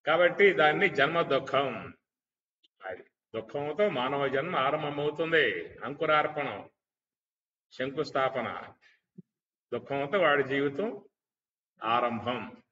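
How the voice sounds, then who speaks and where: A man with a bright, sharp voice gives a spiritual discourse on scripture, often asking his listeners rhetorical questions and chanting Sanskrit verses. He sounds set back from the microphone, and a long reverb trails his words in a dull, muffled recording. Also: medium pitch, animated, slow pace, pauses often, distant mic, slight background noise. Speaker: spiritual teacher.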